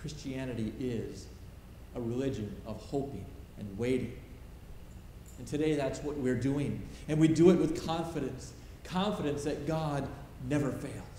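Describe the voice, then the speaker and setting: A man's voice: medium pitch, a little slow, mellow. A middle-aged male pastor preaching a sermon from a pulpit, stressing short repeated phrases. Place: large church sanctuary, at a pulpit. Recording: roomy church reverb, faint hiss.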